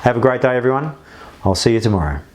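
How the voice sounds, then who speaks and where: A man, a pastor giving a short daily devotional sermon and telling the story with animated emphasis. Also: mid-range voice, quick pace. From Australia. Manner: storytelling, voices the disciples' lines with rising emphasis.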